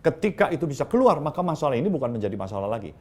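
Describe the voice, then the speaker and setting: A man's voice: mid-range voice, sing-song, racing. A male pastor giving a conversational sermon, acting out quoted dialogue with his listeners. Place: church livestream.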